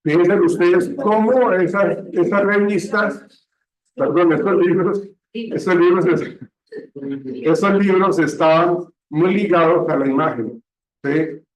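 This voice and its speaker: A man teaching a classroom lecture, often pausing to check understanding, recorded from a distance in a classroom. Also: high-pitched, fairly even intonation. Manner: slow, checks understanding with frequent "¿sí?". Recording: echoey room, distant mic, dull sound.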